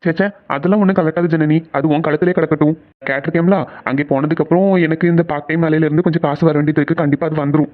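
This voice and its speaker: A man voicing friendly, joking young men in a cartoon series, bantering quickly. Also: a little high, steady tone, close to an everyday voice. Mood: casual. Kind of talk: cartoon voice acting. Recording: tinny phone-like sound.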